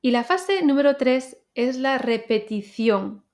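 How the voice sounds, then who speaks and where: Woman from teaching pronunciation on her podcast, slightly high voice, clear and deliberate, talks right to you. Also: lively intonation, a little mellow. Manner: clear, deliberate teaching delivery, addresses listener directly. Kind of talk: podcast lesson for learners.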